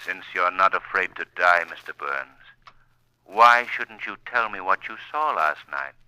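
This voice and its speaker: An invisible avenger in a vintage radio crime drama. His voice is fairly deep and very sharp, with hard, forceful edges. He speaks deliberately and theatrically, with calm command. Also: smooth, heavily acted, rough recording. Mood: probing. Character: the Shadow, commanding invisible male crime fighter, calmly reassuring. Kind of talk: old-time radio crime drama acting.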